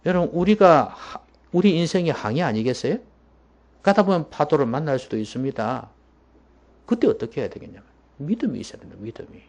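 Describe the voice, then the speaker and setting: A man preaching a sermon as pastor in a church, emphatic and at times dropping to a hushed voice. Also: on the high side, very animated, brisk.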